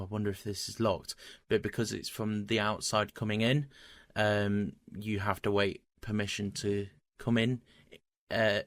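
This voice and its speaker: Slow-paced man as game master, low voice, dry close mic. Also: gravelly, no room sound. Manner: halting, with many restarts and fillers. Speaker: dungeon master. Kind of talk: running a tabletop game.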